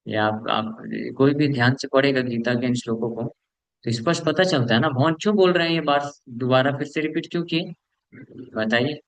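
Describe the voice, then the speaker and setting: A man from India with a medium-pitched, slightly bright voice speaks at a moderate pace while giving a scripture class as a preacher. He is earnest and repeats points for emphasis, mixes English words into his Hindi, and acts out listeners' excuses in asides. The recording is low quality but has no echo.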